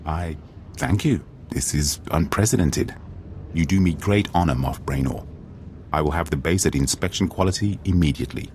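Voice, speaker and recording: An actor playing a formal, dignified alien military strategist in a video game, speaking in a measured, precise way. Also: male voice, very deep voice, a little mellow, slight background noise. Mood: formal, composed.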